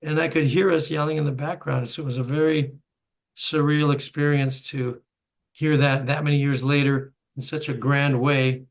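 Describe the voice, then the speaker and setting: Older man with a gravelly voice. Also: on the high side, level tone, moderate pace. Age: 70s. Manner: storytelling, chuckling asides. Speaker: host and bandleader. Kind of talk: reminiscing interview chat.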